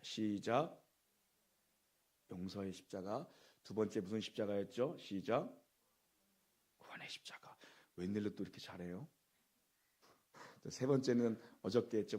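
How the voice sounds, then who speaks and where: Gravelly, husky Korean pastor preaching. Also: male voice, lowish voice, warm tone. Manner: emphatic preaching, repeats key phrases, quizzes the congregation. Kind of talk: Good Friday sermon. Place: church sanctuary.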